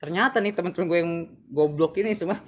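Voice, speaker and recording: A young man, a guest telling a story in a casual interview, animated and full of street slang. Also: high-pitched, quick pace. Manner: animated slangy storytelling, acts out quoted voices.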